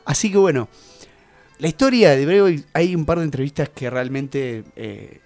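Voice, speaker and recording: A man's voice: on the high side, expressive, normal speed, darkish tone, no room sound. A man hosting a radio show, chatting casually about music in a rambling, explanatory way full of hesitations. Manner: rambling, explanatory, many "eh" fillers.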